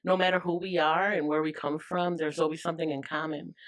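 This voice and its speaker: A woman's voice: deep voice, steady tone, fairly quick. A woman hosting a casual radio interview, chatty, laughing often and filling in with small agreeing sounds. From Rochester, New York. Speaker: radio host.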